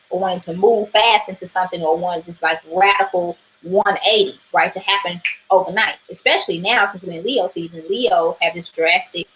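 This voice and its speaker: A woman's voice: medium pitch, sharp tone, a little hiss or hum, poor audio. A woman talking through a weekly astrology reading in a casual livestream, chatty and loose, swearing now and then and asking "right?" a lot. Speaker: tarot and astrology reader.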